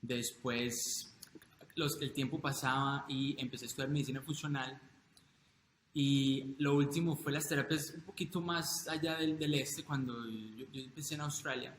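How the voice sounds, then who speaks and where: A man from Colombia answers interview questions in a loose, halting way, full of fillers and restarts. His voice sits at an ordinary middle pitch. The room echoes, with a clear hiss of noise underneath. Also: fairly even intonation, fairly bright tone. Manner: hesitant, many fillers and restarts. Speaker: holistic health coach, guest. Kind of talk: casual interview talk.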